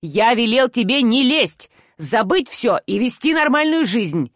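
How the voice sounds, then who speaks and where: A woman's voice: a little high, sing-song, unhurried, no room sound, studio quality. Routek, a woman voicing a stern weary man. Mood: angry scolding. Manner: harsh, exasperated, scolding. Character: stern tired man scolding a young woman.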